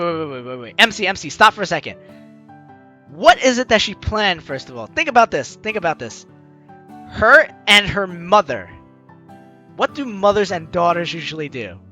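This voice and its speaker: A gaming video host with a bright, forceful voice runs a let's play over game music at normal speed. He reads the story text aloud, then bursts into jokey, exclamatory commentary. His pitch swings widely and theatrically.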